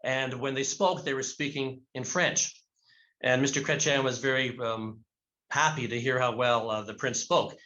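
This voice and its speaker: A man's voice: mid-range voice, steady tone, normal speed, pushed and bright, lo-fi sound. A man hosting a live online event, chatty and friendly as he introduces guests and tells an anecdote. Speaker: host.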